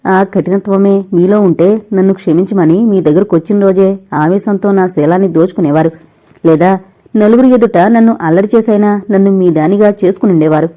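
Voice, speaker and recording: A woman's voice: mid-range voice, warm tone, lo-fi sound, natural voice. A woman voicing a grieving young married woman who tearfully pleads with the man she still loves. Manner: tearful, imploring.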